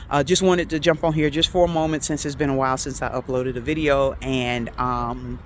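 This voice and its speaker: A woman whose first language is English teaches language in a relaxed vlog lesson, recorded outdoors in a city with faint traffic behind her. Her pitch is extremely low. Chatty but hesitant, she fills pauses with ums and uhs and moves between languages.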